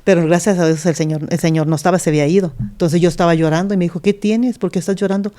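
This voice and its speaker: Rapid-fire yet steady, her fairly low, mellow voice carries an earnest account of her life as a middle-aged pastor being interviewed. She acts out the quoted lines of the people in her story.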